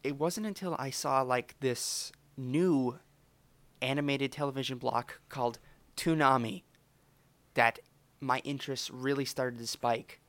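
A man's voice: medium pitch, fairly even intonation, measured pace, fairly bright tone. Guy guesting on a podcast, normal middle voice, rambly, lots of um and like. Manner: rambling, with many fillers. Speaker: podcast guest, voice-over student. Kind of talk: casual interview chat.

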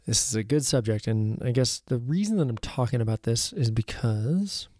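A man's voice: medium pitch, expressive, moderate pace, mellow, dry recording, clean studio sound. A man with a slightly froggy, throaty voice hosting a solo podcast in a casual, musing way. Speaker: podcast host.

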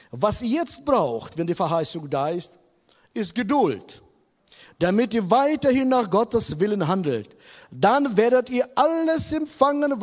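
A man's voice: high-pitched, darkish tone. A man preaching a sermon in a church hall, emphatic and repeating his key words. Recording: long reverb of a large hall.

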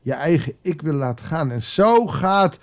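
Male preacher, gravelly and a bit high-pitched, conversational sermon, lo-fi recording. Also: lively intonation, unhurried. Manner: conversational, with dramatic acted quotes. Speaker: pastor. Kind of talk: devotional sermon.

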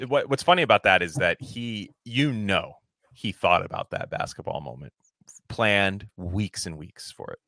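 Animated male podcast host, dry sound. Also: fairly low pitch, unhurried, no echo. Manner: animated storyteller, slips into mock voices, laughs often. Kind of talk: casual chat.

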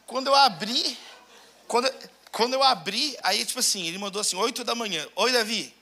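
Animated high-voiced Brazilian pastor preaching. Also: male voice, a little fast. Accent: Brazilian Portuguese. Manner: animated, storytelling, calls out to the congregation. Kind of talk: lively sermon with humorous anecdotes.

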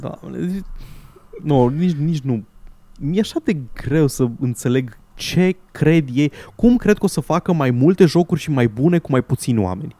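Dark-voiced man in sardonic chat. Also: fairly high pitch, animated, no room sound. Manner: sardonic, joking, reads headlines aloud. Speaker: podcast co-host. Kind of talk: casual chat.

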